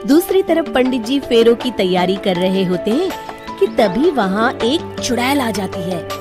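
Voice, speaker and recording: Expressive woman narrating a cartoon story. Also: fairly high pitch, a little slow, music in the background.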